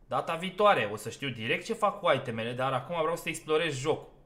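Man, gaming commentary, slightly high voice, sharp bright tone, talks to himself, easily frustrated. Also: animated. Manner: talks himself through the game, easily exasperated. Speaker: gaming YouTuber. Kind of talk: let's play commentary.

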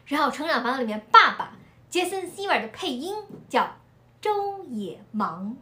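A woman chatting casually about a film, telling stories in an animated way and laughing often. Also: high-pitched, normal speed, reverberant. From Shanghai. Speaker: video creator discussing a film. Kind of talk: casual chat.

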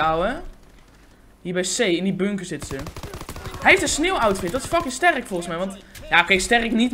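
A man giving live, excitable gameplay commentary, swearing often and talking in slang into a condenser microphone. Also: high-pitched, a little hiss or hum. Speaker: gaming YouTuber. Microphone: USB condenser microphone.

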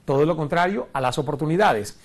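In a recorded online lecture, a course instructor from Cuba, a man in his forties, stands in a studio before a screen wearing a lapel mic. He speaks on the high side, expressively and at a fairly quick clip. His manner is earnest, and he poses rhetorical questions.

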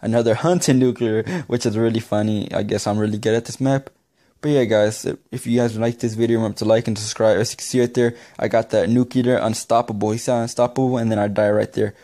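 A young man narrating his own gameplay clip, excitable and rambling, repeating himself as he talks. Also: lowish voice, quick pace. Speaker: gaming YouTuber. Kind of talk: gameplay commentary voice-over.

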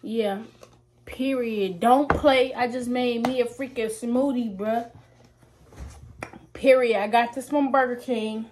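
A woman's voice: on the high side, steady tone, slow pace, long pauses, a little mellow, slight background noise. A 21-year-old woman from Ohio, a vlogger casually chatting to her viewers in a slangy, talkative way, at work and in her car. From Ohio, USA. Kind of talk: casual vlog chat to viewers.

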